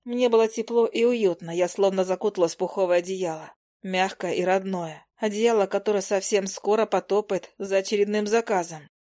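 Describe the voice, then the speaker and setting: A woman narrating an audiobook in an even, measured first-person voice. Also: mid-range voice.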